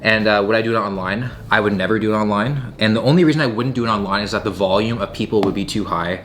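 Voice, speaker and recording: Fast-talking, low-voiced young man chatting. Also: a bit bright, a little hiss or hum. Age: young adult. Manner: informal, filler-heavy, emphatic wording. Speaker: video host answering viewer questions. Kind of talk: casual Q&A chat while tasting food.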